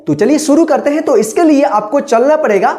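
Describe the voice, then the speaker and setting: A woman's voice: high-pitched, fairly quick, mellow. A woman teaching Hindi vowel signs, patiently repeating each syllable and explaining step by step. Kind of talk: slow step-by-step reading lesson.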